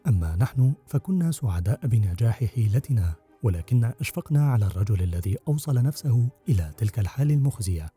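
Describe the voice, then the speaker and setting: A man reading a first-person audiobook narration in an expressive storytelling manner. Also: mid-range voice, fast, breathy edge, soft background music.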